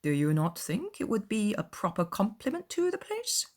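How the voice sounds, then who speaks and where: A woman voicing a gushing, courtly older gentleman in an audiobook dramatization. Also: medium pitch, huge pitch swings, moderate pace, pitched above the performer's own voice. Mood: effusive, courtly. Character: effusive, gallant older gentleman, Sir William.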